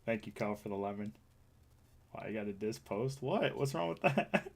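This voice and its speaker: A man's voice: lowish voice, expressive, moderate pace, creaky. A young man livestreaming from his home setup, joking, teasing and reading his chat aloud in a casual way. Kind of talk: casual live-stream chat.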